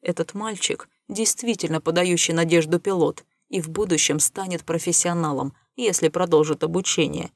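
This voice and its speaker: A woman voicing a scheming, smooth-talking male spacer who lies with easy confidence, in an audiobook reading. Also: on the low side, moderate pace, hardly any pauses, no echo. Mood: smooth, persuasive. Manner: confident, lying with easy enthusiasm.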